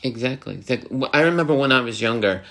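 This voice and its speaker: A young man chatting casually as a podcast co-host. He rambles and restarts a lot, full of fillers, and gets animated when he mimics other people. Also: mid-range voice, fast talker. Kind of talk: casual chat.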